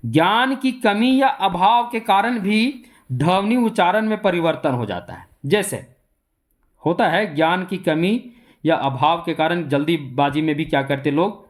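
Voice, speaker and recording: A man's voice: sits high, animated, a little slow. A man with a Jharkhand Hindi accent teaching exam coaching in a classroom lecture style. He repeats his points and asks rhetorical questions that he answers himself.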